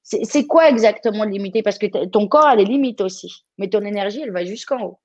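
A woman's voice: mid-range voice, brisk, darkish tone, dry recording, dull audio. A woman from France coaching someone live, speaking directly and encouragingly with frequent restarts.

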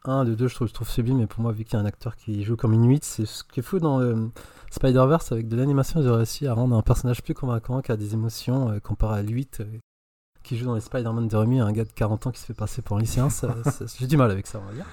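A man reviewing a film on a podcast, enthusiastic and opinionated, often pausing on fillers. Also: mid-range voice, fairly even intonation, mellow, dry recording. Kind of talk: casual podcast chat.

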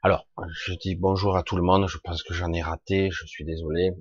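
A man with a low, husky voice hosts a casual live stream, reading out viewers' names and talking with plenty of hesitations. The sound is dull and lo-fi, with a dry, close feel and no room around it. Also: little pitch movement, a little fast, dry recording. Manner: chatty, reads out viewers' names, frequent hesitations.

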